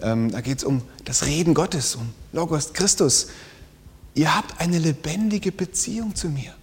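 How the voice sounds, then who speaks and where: Man, preacher, sermon, slightly high voice, whispers for emphasis, long hall reverb. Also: measured pace. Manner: dynamic, drops to whispers for emphasis.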